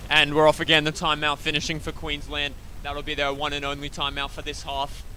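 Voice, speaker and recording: A man's voice: a little high, completely flat delivery, fairly quick, sharp tone, slight background noise. An Australian man giving live play-by-play commentary, chatty and often correcting himself with apologetic asides. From Wollongong, Australia. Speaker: sports commentator.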